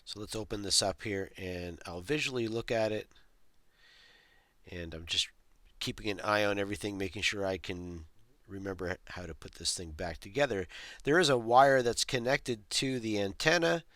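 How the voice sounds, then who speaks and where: The host of a toy restoration tutorial talks casually through a hands-on repair, explaining each step as he works. His voice is lowish and a bit bright, recorded with no room sound.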